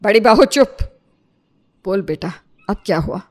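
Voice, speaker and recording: A woman's voice: on the high side, moderate pace, close to an everyday voice. A woman voicing a bossy, dramatic middle-aged mother-in-law in a cartoon story who scolds theatrically. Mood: stern.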